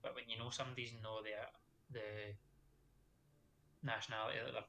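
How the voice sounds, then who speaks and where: A man's voice: on the low side, flat delivery, fairly quick, bright, forceful tone, rough recording. A Scottish man, a podcast guest, chatting in an easygoing, rambling way over a video call. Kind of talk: casual chat. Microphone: webcam video call.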